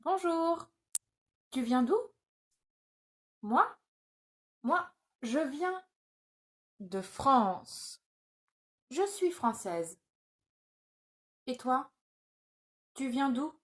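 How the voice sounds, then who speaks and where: A woman's voice: high-pitched, expressive, extremely slow, pauses often. A woman reading scripted phrases for a language-learning video, enunciating each short line carefully.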